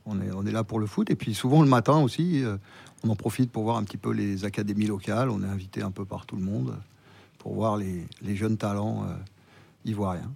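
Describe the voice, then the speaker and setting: A man speaks as a guest agent on sports radio, his voice low, gravelly and husky. He talks in a relaxed way, with hesitant fillers. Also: brisk. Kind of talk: casual radio chat.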